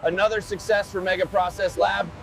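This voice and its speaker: A man's voice: sits high, flat delivery, brisk, fairly bright tone, a little hiss or hum, low-quality recording. A man working as an industrial crew member, making procedural announcements.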